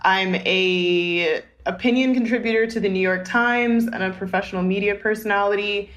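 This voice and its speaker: A young American woman speaks as a podcast guest. Her talk is loose and chatty, at an ordinary mid-range pitch. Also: moderate pace, a bit bright. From United States. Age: 20s. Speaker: guest, opinion writer. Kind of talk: casual interview talk.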